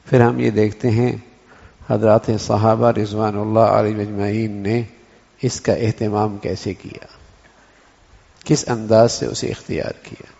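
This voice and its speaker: This preacher's voice is fairly low, creaky and warm, with little pitch movement. During an Islamic sermon, he illustrates his point by performing one sentence in a variety of tones, recorded dully in a long-reverb hall.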